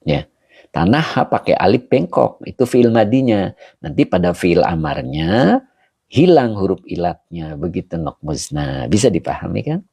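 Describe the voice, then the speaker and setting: Between points of grammar, this male scholar chats with his live-stream audience, reading their comments aloud and calling out names during a kitab study he films on a handheld camera. The dry recording captures a low, dark voice with vocal fry and some breathiness.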